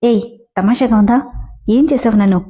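Flustered young wife, accusing, higher pitched, voiced by a woman narrator, mellow tone. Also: moderate pace, muffled recording, close to an everyday voice. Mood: indignant. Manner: indignant, accusing questions.

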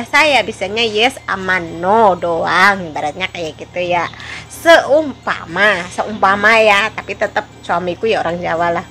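A vlogger from Java tells a casual story, giggling, mocking herself, and laughing often between phrases. Her voice is mid-range and a bit bright.

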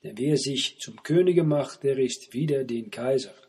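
An accusing crowd of priests, read by a husky man. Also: mid-range voice, a little slow, mellow.

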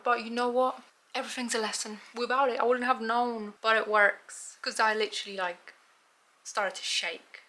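A woman's voice: mid-range voice, sharp tone, rough recording. A woman chatting casually in her bedroom as she films a vlog, swearing freely and mocking herself. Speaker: vlogger.

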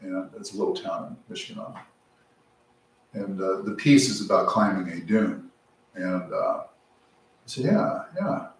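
A man's voice: deep voice, measured pace, long pauses, a little hiss or hum. An older man, an author at a book club, telling casual stories and acting out what his friends said. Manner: animated anecdotal storytelling, acting out quoted friends. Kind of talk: casual storytelling to a live group. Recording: echoey room from a distant mic, faint ambience.

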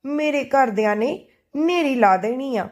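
A woman's voice: sits high, a little slow. A woman voicing a cheeky, cheerful young best friend who jokes and teases, in a told storybook. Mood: playful. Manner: playful, joking and lively.

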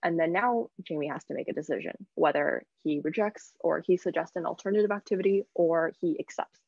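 A woman's voice: on the low side, fairly quick, gravelly, a little mellow, no echo. A woman in her twenties presenting a workshop casually and chattily over a video call, with muffled audio. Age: 20s. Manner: informal, chatty.

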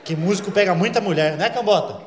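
Speaking quickly in a high voice, a stand-up comedian in his thirties animatedly tells a story on a club stage, doing characters' voices and using crude, sweary slang. Laughter and noise fill the echoey live recording.

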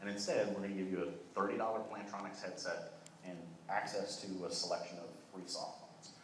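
Young man, keynote talk, low voice, quick pace, far from the mic in a big echoey hall. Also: flat delivery, a little hiss or hum. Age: young adult. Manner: fast, fluent talk with frequent "uh" restarts. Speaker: keynote speaker. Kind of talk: conference keynote presentation. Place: large conference hall.

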